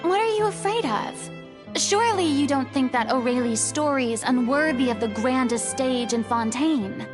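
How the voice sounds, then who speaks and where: A high-voiced, theatrical grand lady. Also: lively intonation, moderate pace. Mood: playfully haughty. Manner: grandiose, dramatic, confident. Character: theatrical, self-assured grand lady, playfully haughty. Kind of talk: voice-acted game dialogue. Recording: loud music behind the voice.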